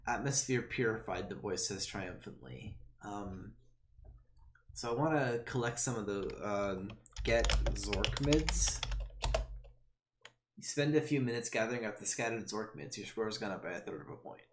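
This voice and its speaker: A male streamer plays a text adventure, reading the game text aloud in a somewhat low, expressive voice at a moderate pace. He's hesitant, with many "um"s and trailing thoughts, and tosses in wry, self-mocking asides.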